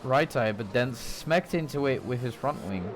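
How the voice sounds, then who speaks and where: A man's voice: mid-range voice, expressive, moderate pace, slight background noise. A man giving conversational live motorsport commentary on a sim race, often hesitating as he thinks aloud.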